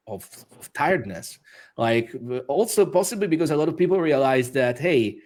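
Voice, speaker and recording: A man's voice: medium pitch, expressive, normal speed, darkish tone. A man speaking as an interview guest, talking casually with many restarts and fillers and laughing often. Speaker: interview guest, author and musician.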